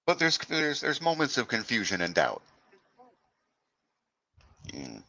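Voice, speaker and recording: A man's voice: mid-range voice, wildly swooping pitch, slow, vocal fry, bright, forceful tone, no room sound, rough recording. An American man chatting casually on a video call, explaining at length and often restarting his sentences. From United States. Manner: explanatory, stumbles over restarts. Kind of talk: casual chat.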